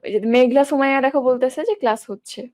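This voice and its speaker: A woman's voice: high-pitched, racing, darkish tone. A young woman teaching an online English class, asking questions and answering them herself as she drills word forms.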